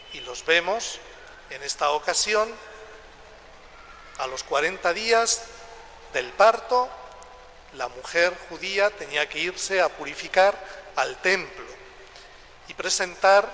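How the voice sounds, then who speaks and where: A man, a priest, reading the gospel at Mass and then giving a slow, measured homily, his voice ringing with the echo of a large church. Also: a little high, pushed and bright. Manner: slow, measured, adds a questioning "eh?". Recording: long church reverb, faint background noise.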